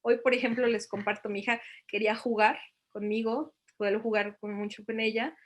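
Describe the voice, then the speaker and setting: A woman's voice: a little high, fairly even intonation, moderate pace. A middle-aged woman, giving a reflective talk to parents and asking them many questions.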